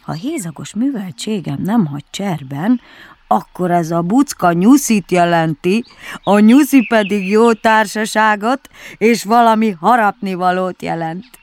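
Winnie the Pooh, as a woman puts him on, slow and puzzled. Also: mid-range voice, animated, darkish tone, close to an everyday voice. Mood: musing. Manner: slow, puzzled, ponderous reasoning. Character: polite, slow-thinking, food-loving bear, male.

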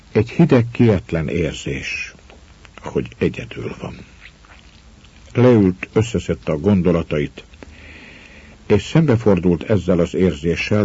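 A man reading a story aloud in a slow, measured, quiet way. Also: deep voice, husky. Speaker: narrator. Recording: dull lo-fi recording.

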